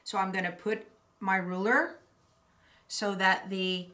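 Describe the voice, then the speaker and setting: Speaking slowly with a medium pitch and fairly even intonation, the middle-aged woman sounds bright and forceful as she teaches quilting step by step. She demonstrates hands-on at a cutting table in an indoor craft studio, and the recording has roomy echo and clear background noise.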